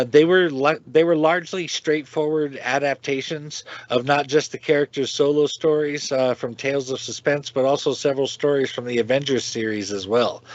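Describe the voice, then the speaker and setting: A man's voice: medium pitch, dry recording, highs cut off. A man co-hosting a podcast, talking casually and with strong opinions, often repeating a word as he goes. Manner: chatty, opinionated, repeats words while talking. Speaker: podcast co-host.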